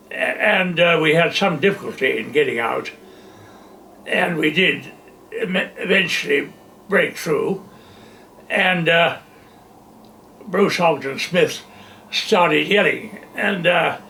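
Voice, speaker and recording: An older man, a retired general, recalling wartime missions in a halting way with many pauses and fillers. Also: on the high side, gravelly, pushed and bright, recorded from a distance. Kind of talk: wartime reminiscence.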